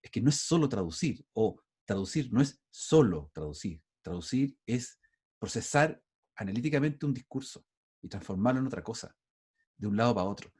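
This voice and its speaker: Over a video call, a middle-aged university lecturer with a Chilean Spanish accent teaches in a relaxed, conversational manner, restarting often. His medium-pitched voice is a little mellow with a breathy edge, lively in intonation and normal in speed.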